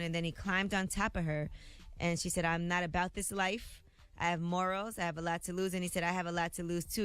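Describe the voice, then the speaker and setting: A woman's voice: on the low side, a bit bright, clear, resonant tone. Chatty woman radio gossip host. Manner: brisk, chatty storytelling that acts out quotes. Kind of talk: reading celebrity gossip on a morning radio show.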